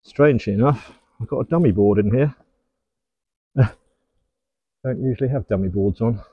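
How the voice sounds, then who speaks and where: A middle-aged beekeeper from England offers easygoing commentary while working at the hives in his garden apiary, addressing the bees with affection. His voice is husky and fairly low, and he keeps a moderate pace. The sound is dull with no room sound.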